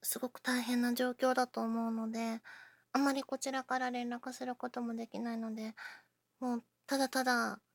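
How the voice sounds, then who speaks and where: A woman chatting casually to her listeners, self-deprecating, often dropping into breathy near-whispers while she talks through an injured shoulder. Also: fairly high pitch, level tone, normal speed, dry recording. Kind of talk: casual personal talk to listeners.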